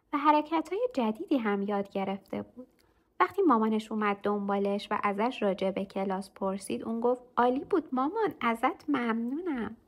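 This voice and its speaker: In a gentle, even storytelling style, a woman reads a simple children's tale. Her slightly high voice comes across clear and calm.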